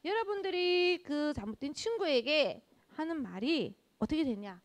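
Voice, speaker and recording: A woman gives a children's sermon in a church with a high, bright voice. Her pitch rises and falls widely as she keeps asking the children questions. She acts out their speech in quoted lines. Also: lively intonation, moderate pace. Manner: addresses children directly with frequent rhetorical questions. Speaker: children's ministry preacher.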